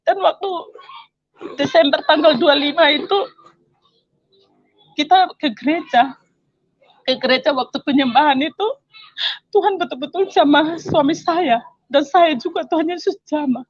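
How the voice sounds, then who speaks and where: A woman's voice: sits high, normal speed, long pauses, dull audio. A middle-aged woman telling her personal faith testimony in an earnest, emotional way, her voice rising and at times tearful. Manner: earnest, emotional, voice rising when praising God. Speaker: testimony speaker.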